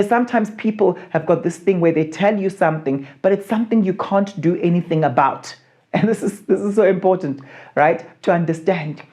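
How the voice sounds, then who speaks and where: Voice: mid-range voice, mellow. A marriage coach giving a teaching talk about feedback, stressing key points and often checking in with the listener. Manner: emphatic, repeats key points and checks in with "okay?".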